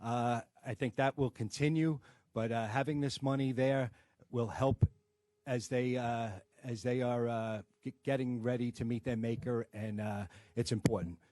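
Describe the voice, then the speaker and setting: A man with a Brooklyn accent addresses a press conference as a union president. He talks plainly, stumbling through fillers and restarts. The sound is dry and close, with his voice at a middle pitch. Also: fairly even intonation, normal speed, darkish tone, no room sound.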